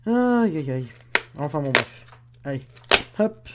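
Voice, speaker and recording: A man's voice: a little high, normal speed, heavy background noise. Chatty man grumbling through an unboxing. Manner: chatty, grumbles aloud while unwrapping. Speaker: unboxing video host. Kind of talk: casual talk to camera.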